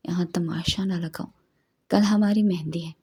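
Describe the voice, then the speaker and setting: A woman's voice: fairly low pitch, fairly even intonation, a little slow, darkish tone, breathy edge, exaggerated voice. A woman reading the lines of a stern, controlling young man who scolds with disgust. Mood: scolding.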